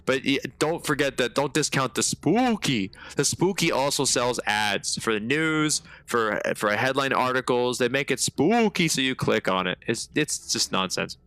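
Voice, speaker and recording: A man streaming a game live, chatting with viewers in slangy, animated storytelling. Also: mid-range voice, normal speed, few pauses. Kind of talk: live gameplay commentary.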